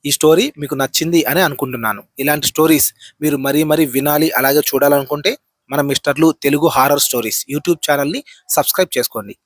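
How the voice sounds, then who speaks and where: A man's voice: a little high, fast talker, no echo, clean studio sound. A man hosting a horror channel, telling a ghost story in a chatty spoken way, repeating phrases and tagging lines with a filler.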